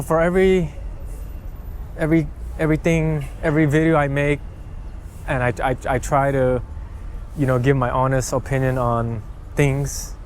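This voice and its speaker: Man, casual vlogger, rambling restarts, outdoors, camera mic, faint street noise. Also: medium pitch. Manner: rambling with many restarts and fillers. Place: outdoors by a mall.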